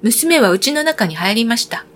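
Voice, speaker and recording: A woman reading a fairy tale aloud for children, with clear, expressive storytelling. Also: a little high, moderate pace.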